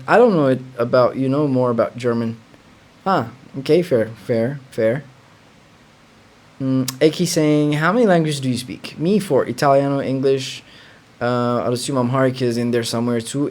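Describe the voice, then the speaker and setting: A man's voice: mid-range voice, a little mellow. A young man from Ethiopia, hosting a casual livestream. He is chatty, reads viewer comments aloud and hums while he thinks. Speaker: livestream host.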